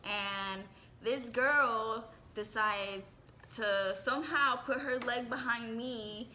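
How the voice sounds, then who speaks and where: A young woman talks in a casual, teasing way and giggles often. Her voice is bright and forceful, and there is faint noise behind her. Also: a little high, slow pace. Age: young adult. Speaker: vlogger. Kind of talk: casual story time chat.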